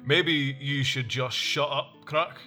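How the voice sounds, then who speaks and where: A man reading an audiobook voices a stern warrior king who speaks in a cool, measured, reproachful way. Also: mid-range voice, pushed and bright, soft background music. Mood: sharp.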